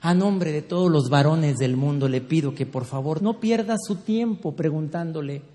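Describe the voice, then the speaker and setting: Casting: man, humorous couples speaker, playful and teasing, high-pitched voice in a roomy hall. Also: normal speed, dark tone. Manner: playful, teasing, acts out scenes. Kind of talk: humorous talk to a live audience. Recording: echoey hall with faint background noise.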